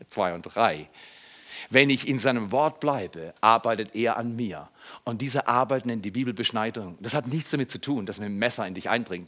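A man preaching a sermon, swinging between quiet reflection and loud, emphatic passages. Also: mid-range voice.

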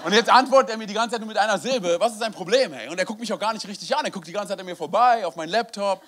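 A young man preaching a lively storytelling sermon, animated and laughing often, often dropping in "hey". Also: high voice, racing. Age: young adult.

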